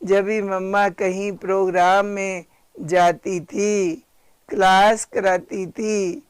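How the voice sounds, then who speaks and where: An older woman, a spiritual sister, gently and reverently telling memories of her teacher as a slow devotional reminiscence. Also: medium pitch, little pitch movement, slight background noise.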